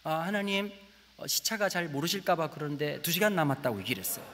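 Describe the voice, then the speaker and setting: A man preaching a testimony sermon in a Gyeongsang accent, telling his story with big loud peaks and hushed asides. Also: fairly high pitch, fast talker, a little hiss or hum. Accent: Gyeongsang Korean. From Gyeongsang region, Korea. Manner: animated storytelling, swings between loud exclamations and hushed asides. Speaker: guest preacher. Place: church sanctuary. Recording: church hall with long reverb.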